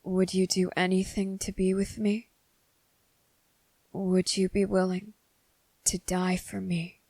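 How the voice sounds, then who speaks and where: A woman voices a young male vampire, a devoted and possessive lover, in an ASMR roleplay, speaking slowly, softly and intimately at medium pitch, slipping into whispers. Her delivery is flat and even with barely any rise or fall, and the mood is tender and grave. The recording is close and very dry, with no room sound or echo.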